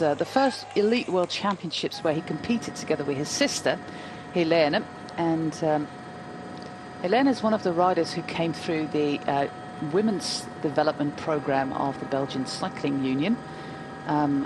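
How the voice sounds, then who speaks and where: A woman in her forties with a deep voice talks at a moderate pace as she commentates a cycling race live, casual and anecdotal with lots of ums. Loud race ambience sits behind her.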